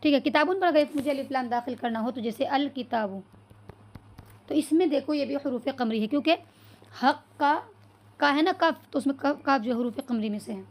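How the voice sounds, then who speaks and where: A woman teaching an Arabic lesson who asks questions, answers them herself and often checks whether the class has understood. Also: sits high. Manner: checks understanding with "clear so far?"; spells out Arabic words slowly.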